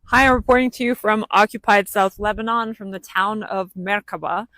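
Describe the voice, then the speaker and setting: A woman giving a deliberate, earnest field report to her followers as an on-the-ground war reporter. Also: medium pitch, sharp tone, no echo.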